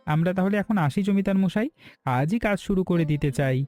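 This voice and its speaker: A man with a high, mellow, natural voice speaks briskly as an eager, ambitious village business partner in a cartoon story. He sounds persuasive and respectful, with background music playing throughout.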